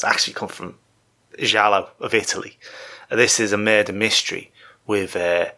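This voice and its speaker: Low, bright-voiced man discussing films. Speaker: film discussion host. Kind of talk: informal film history commentary.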